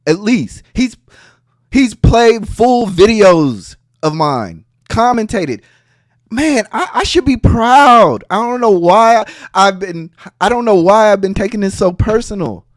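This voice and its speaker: High-voiced mocking man, dry close sound. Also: slow, no room sound. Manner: animated, profane, mocking. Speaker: podcast host. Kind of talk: heated casual commentary.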